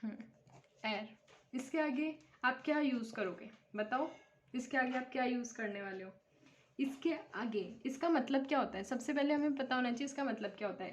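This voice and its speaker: A woman's voice: on the high side, dull audio. Woman teaching English grammar. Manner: explains step by step, checks in with "right?" and "okay?". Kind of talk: classroom lecture.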